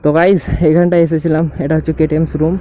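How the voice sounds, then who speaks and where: Casting: young male motovlogger, West Bengal accent, high voice, chatting from inside a helmet over clear road noise. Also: little pitch movement, racing. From West Bengal, India. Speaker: motovlogger, host. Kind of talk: casual vlog chat to viewers. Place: outdoors on a motorbike, inside a helmet. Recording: noisy outdoor road and vehicle sound.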